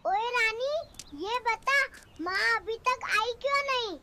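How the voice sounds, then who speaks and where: A woman's voice: extremely high pitch, slow pace, pushed and bright, a little hiss or hum, heavily acted. A woman voicing a bossy young husband in a cartoon family drama, who scolds his wife in a commanding way. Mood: accusing.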